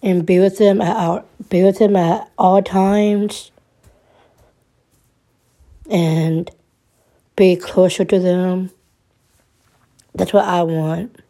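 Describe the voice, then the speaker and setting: A woman in her twenties talking through her troubles in a personal monologue, halting and subdued, restarting and repeating her words often. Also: on the low side, steady tone, dark tone. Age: 20s.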